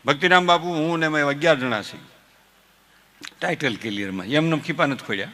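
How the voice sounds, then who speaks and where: A man with a Saurashtra Gujarati accent doing folk stand-up storytelling, animated and chuckling at his own jokes while he mimics family members. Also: fairly high pitch, fairly quick. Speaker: folk comedian.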